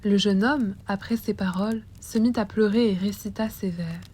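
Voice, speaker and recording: A woman's voice: medium pitch, fairly even intonation, moderate pace, darkish tone, husky. Woman reading a classic tale aloud. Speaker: storyteller.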